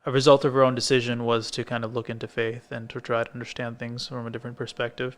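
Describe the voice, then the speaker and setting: A man co-hosting a podcast on a coffee shop set, with a smooth, resonant voice and a flat, steady delivery. He talks casually and rambles, with plenty of fillers and restarts. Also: medium pitch, quick pace. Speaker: podcast co-host. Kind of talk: casual conversation. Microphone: filmed podcast set.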